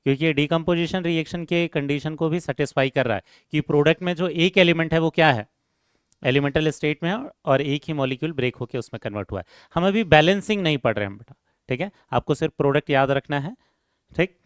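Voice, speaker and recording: A man's voice: on the high side, fast talker, clean tone, no echo, clean studio sound. A man teaching a chemistry lecture step by step, asking rhetorical questions and addressing students fondly. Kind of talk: classroom lecture.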